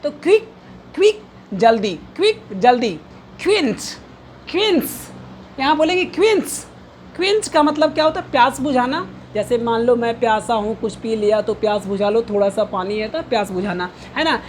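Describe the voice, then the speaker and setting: High-voiced woman drilling English pronunciation. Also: lively intonation, a little fast, darkish tone, slight background noise. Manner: drills each word by repeating it many times, asks and answers own questions. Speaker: English teacher. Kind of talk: pronunciation lesson, explaining word by word.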